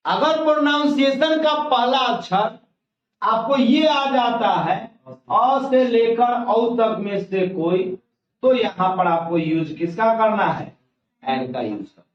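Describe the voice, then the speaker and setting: A male grammar teacher giving a colloquial classroom lecture, explaining step by step and asking and answering his own questions. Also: high-pitched. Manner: folksy, colloquial teaching style. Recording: echoey, distant, dull lo-fi classroom recording.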